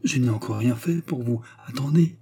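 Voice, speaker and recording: A man's voice: medium pitch, normal speed, dark tone, slightly rough, lightly acted. A man voicing a distraught, infatuated young cabinetmaker in an audiobook reading, stammering and frantic.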